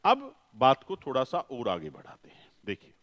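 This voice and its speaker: A male phonetics teacher gives a classroom lecture, answering his own questions and repeating key terms, slowing down for emphasis. His mid-range voice is a bit bright with huge pitch swings, captured in an echoey room with long reverb.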